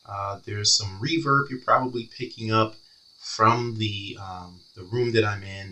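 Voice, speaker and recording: A man's voice: sits low, far from the mic. A man giving a casual product review, heard through a webcam's built-in mic that sounds tinny and muffled, with room echo from an untreated room. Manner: relaxed, explanatory, with fillers. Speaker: tech reviewer. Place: small untreated room with reverb.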